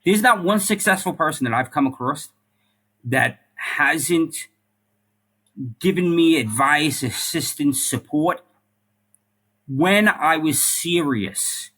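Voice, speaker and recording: Expressive and sharp in tone, a man with a slightly high voice speaks slowly with long pauses. He is a middle-aged ex-police officer and ex-firefighter, earnestly talking as a podcast guest in casual interview conversation. Repeated words and fillers like "like" and "right?" come up often.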